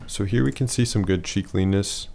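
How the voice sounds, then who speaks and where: A man's voice: fairly low pitch, moderate pace, creaky, dark tone, a little hiss or hum. A man losing his voice, giving a casual, matter-of-fact voice-over that rates features one by one. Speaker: facial analysis presenter.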